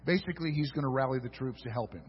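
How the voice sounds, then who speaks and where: A man's voice: medium pitch, very fast, husky. A man preaching a sermon as a pastor, retelling a story with humorous asides to the congregation. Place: church sanctuary. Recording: dull audio with long hall reverb.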